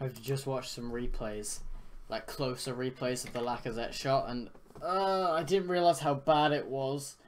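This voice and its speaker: A man's voice: medium pitch, unhurried, a little hiss or hum. A young man, giving casual, rambling live reactions to a football match into a streaming microphone. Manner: casual, rambling, thinking aloud. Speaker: fan reaction host. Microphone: computer microphone for live stream.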